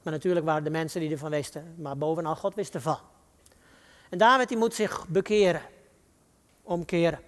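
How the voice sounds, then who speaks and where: A higher-voiced man with a Dutch accent delivers a sermon. He slows down for scripture and lets the quotes climb dramatically. The church hall adds a long reverb to every phrase. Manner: reads scripture quotes with slow dramatic rises. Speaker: preacher.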